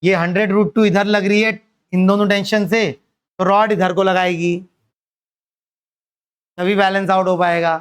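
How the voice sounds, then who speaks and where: Male physics teacher with a high, smooth voice. Quizzes the class and answers his own questions. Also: flat delivery, measured pace, long pauses. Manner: asks students questions and answers them himself, calls them beta. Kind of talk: classroom lecture.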